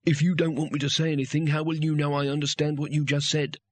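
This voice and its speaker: A man voicing a cowardly wizard who makes nervous, hurried excuses in close to his own voice. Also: medium pitch, fairly bright tone, slightly rough.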